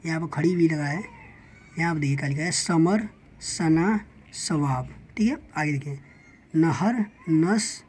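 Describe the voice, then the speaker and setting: Patient woman teaching letters slowly. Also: sits low, a little mellow, husky. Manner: patient, sounds out letters slowly, repeats "theek hai". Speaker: Urdu reading teacher. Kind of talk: step-by-step reading lesson.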